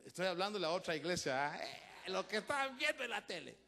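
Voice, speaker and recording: A man preaching a sermon as a pastor, swinging between loud shouted lines and hushed asides, with a Central American Spanish accent. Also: high voice, sing-song, fairly quick, creaky.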